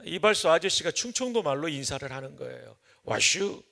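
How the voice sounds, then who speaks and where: A man's voice: a little high, lively intonation, moderate pace, gravelly, fairly bright tone. A man from Chungcheong preaching an early-morning revival sermon in a church, mixing folksy jokes with emphatic teaching. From Chungcheong, Korea. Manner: folksy joking storyteller, then emphatic preaching. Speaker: pastor.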